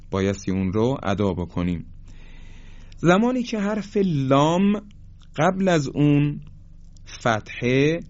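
A man teaching a Quran recitation lesson, explaining the rules and then chanting the examples slowly and drawn out. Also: mid-range voice, a little mellow. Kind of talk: tajweed lesson. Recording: dull lo-fi recording.

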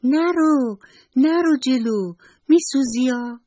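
A woman voicing an excitable little mouse child who squeals and stretches out her words. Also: mid-range voice, dry recording, voice pushed up, close to an everyday voice. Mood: alarmed. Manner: squealing, drawn-out, childlike calls.

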